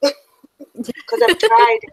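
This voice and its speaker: A woman chats casually on a stream, her voice high and gravelly with lots of fry. She talks slowly and giggles as she rambles, sounding close and dry to the mic. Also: expressive, a little mellow, no echo, rough recording. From Britain. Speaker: co-host.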